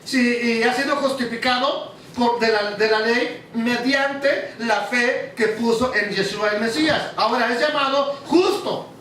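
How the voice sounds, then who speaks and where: High-voiced preacher in an echoey hall. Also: male voice, measured pace, few pauses, bright, forceful tone, slight background noise. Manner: asks the audience questions. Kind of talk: teaching sermon. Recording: very echoey hall, mic far off.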